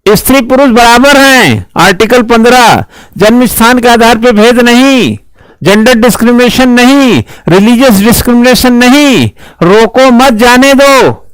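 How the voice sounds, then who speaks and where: A man with a high voice teaching an exam-prep lecture, driving points home with questions and repeated refrains. The sound is close and dry, with no room echo. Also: normal speed, clear, resonant tone. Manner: emphatic, rhetorical questions and repeated slogans. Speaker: civil services exam teacher. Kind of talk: classroom lecture.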